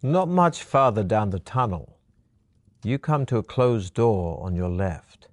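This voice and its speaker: A man narrating a fantasy gamebook adventure in the second person, in a measured storytelling manner. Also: lowish voice, animated, dry recording.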